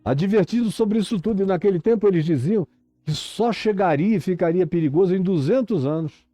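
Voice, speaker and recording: Impassioned Brazilian preacher with high voice. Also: male voice, lively intonation, a little fast, no echo, faint music behind. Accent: Brazilian Portuguese. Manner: impassioned, swings from loud urgent highs to low grave tones. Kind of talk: sermon.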